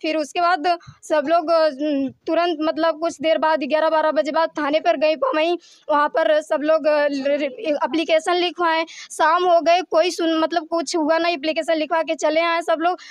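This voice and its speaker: High-voiced woman recounting an attack. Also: level tone, normal speed, no room sound. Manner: long breathless account, quoting threats. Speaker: victim's sister, interviewee.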